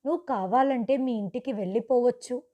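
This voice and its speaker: A woman's voice: fairly high pitch, brisk, warm tone, natural voice. A woman reading as a bitter husband. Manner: blunt, reproachful speech. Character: bitter husband, a man in middle age, set on divorce.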